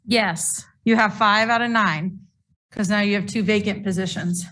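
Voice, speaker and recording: A woman informally facilitating a meeting, speaking hesitantly with frequent pauses. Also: medium pitch, fairly even intonation, bright, forceful tone.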